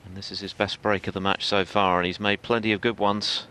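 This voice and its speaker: A man giving live snooker commentary in a measured, analytical manner. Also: lowish voice, little pitch movement, pushed and bright, smooth.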